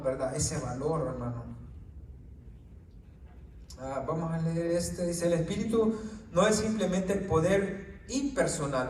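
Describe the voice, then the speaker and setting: A man's voice: on the high side, darkish tone, slight background noise. A male preacher giving an informal Bible teaching to a small group, often tagging his lines with "right?" and "brother" and stumbling over words. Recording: echoey room, distant mic.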